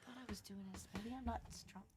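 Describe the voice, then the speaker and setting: A woman's voice: mid-range voice, steady tone, fast talker, a little mellow. A woman who is a guest on a podcast, bubbly and self-mocking in casual chat.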